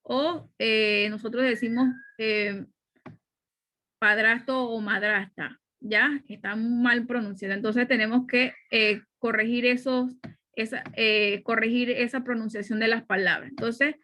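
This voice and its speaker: Bright-voiced woman teaching a grammar lesson. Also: fairly high pitch, steady tone, measured pace. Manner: explanatory, frequent "¿ya?" check-ins and fillers. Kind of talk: spoken grammar lesson over slides.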